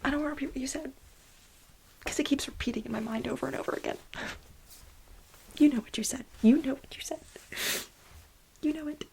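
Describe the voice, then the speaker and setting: In a soft-spoken ASMR role play, a woman voices a flustered, aggrieved assistant, whispering breathily and accusingly. She's halting and dramatic, repeating herself for emphasis in a high voice over a slight hiss or hum.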